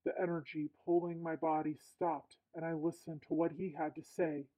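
A woman reading a listener's dream account aloud through a voice changer that disguises her voice, in steady first-person storytelling. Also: deep voice, moderate pace, husky, pitched below the performer's own voice. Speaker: podcast host reading a listener's letter. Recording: tinny lo-fi processed sound.

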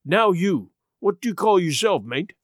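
Male reader as marooned old pirate, hoarse, rusty, slow drawling sailor speech, childlike, sly, animated pitch, storybook character. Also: dry recording. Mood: sly, pleased.

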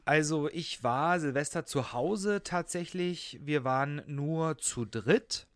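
A man with a slightly high voice co-hosts a podcast. He talks in a loose, conversational way, and the recording is dry with hardly any room sound. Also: takes it slowly, no echo. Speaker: podcast co-host. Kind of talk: casual podcast chat.

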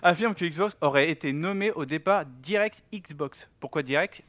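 A man on a casual podcast, reading through his prepared notes at a brisk clip and breaking into laughs between facts. His voice sits a little high for a man and is recorded close and dry, with no room sound. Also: a bit bright, no echo. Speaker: podcast co-host presenting a segment.

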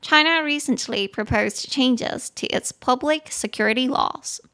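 A woman hosting a podcast English lesson. She switches between Mandarin and English, repeats phrases slowly, spells words letter by letter, and adds frank personal opinions. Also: high voice, pushed and bright. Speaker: podcast host and English teacher.

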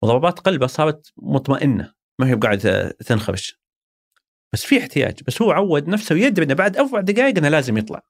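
Saudi man, interview guest, gravelly, brisk, thoughtful, dry close sound. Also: on the high side, sing-song, dry recording. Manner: thoughtful, explains with everyday examples. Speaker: interview guest, former marketing executive. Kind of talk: reflective conversational interview.

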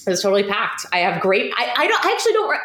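A woman hosting a podcast interview, telling stories in an animated, chatty way with lots of fillers and restarts. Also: mid-range voice, racing, roomy sound. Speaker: podcast host. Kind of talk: conversational interview storytelling.

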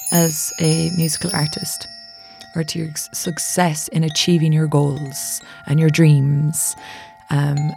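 A woman's voice: deep voice, vocal fry, a little mellow. A woman with a West of Ireland accent telling a personal story casually and animatedly, acting out what people said. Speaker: musician and songwriting teacher.

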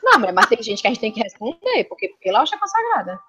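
A woman's voice: a little high, wildly swooping pitch, quick pace, a bit bright. A woman with a Cearense Brazilian accent, chatting playfully as a guest on a podcast, with teasing asides. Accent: Cearense Brazilian Portuguese. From Ceará, Brazil. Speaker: guest influencer. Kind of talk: casual podcast interview. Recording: dull lo-fi sound.

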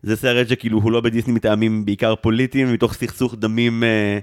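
A man in his thirties hosting a podcast, chatty and jokey, full of quick asides. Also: on the low side, level tone, smooth. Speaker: podcast host. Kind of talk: casual podcast chat.

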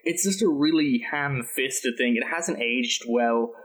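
A man who grew up in Britain talks through a film review in a casual podcast chat. His voice sits at an ordinary middle pitch. He rambles, hedging with fillers and doubling back on himself as he goes. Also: a little slow, fairly bright tone. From United Kingdom. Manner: rambling, hesitant, with many fillers and restarts. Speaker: podcast co-host.

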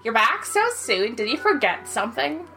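A woman voicing a hapless male mushroom helper with a valley girl lilt, in halting, self-consciously amateur comedic dub style. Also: fairly high pitch, sing-song, vocal fry, music in the background, low-quality recording. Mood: breezy valley girl. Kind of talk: comedic live game dub.

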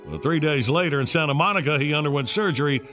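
A man's voice: a little high, fast, a bit bright, soft background music. A man hosting a morning radio show with upbeat banter, talking to callers in a folksy, familiar way.

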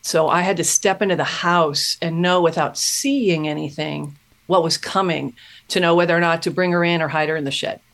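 A woman's voice: lowish voice, steady tone, fairly bright tone. Earnest, reflective middle-aged woman. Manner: earnest, thoughtful, pauses and restarts mid-thought. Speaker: podcast guest, self-mastery mentor. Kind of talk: reflective personal storytelling.

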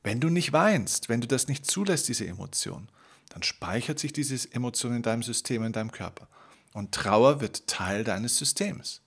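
A man's voice: medium pitch, lively intonation, normal speed, breathy edge. A man hosting a self-help podcast, talking earnestly and directly to the listener as a coach. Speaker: podcast host. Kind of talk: motivational self-help monologue.

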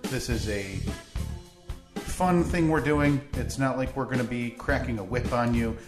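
A man's voice: mid-range voice, a little slow. A man chatting casually as a podcast co-host, in a poor-quality recording. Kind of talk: casual chat. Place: makeshift podcast studio. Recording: roomy echo, music underneath, poor audio quality.

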